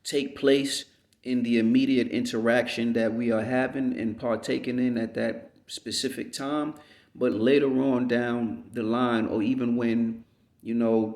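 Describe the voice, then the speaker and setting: In a roomy, echoing recording, a man from the United States vlogs an unhurried, reflective, rambling monologue, frequently asking "you know what I mean." He speaks at medium pitch with a slightly mellow tone.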